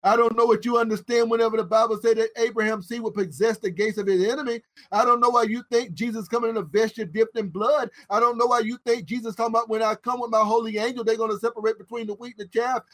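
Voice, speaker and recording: A man preaching a fiery sermon on a psalm, swinging from hushed asides to drawn-out shouted emphasis in a repetitive, driving cadence. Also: very high voice, steady tone.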